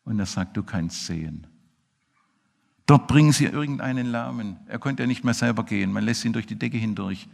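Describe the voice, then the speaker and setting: A man preaching a sermon in a church, emphatic, swinging between loud outbursts and low murmurs. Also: fast talker, creaky, few pauses. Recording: echoey hall reverb.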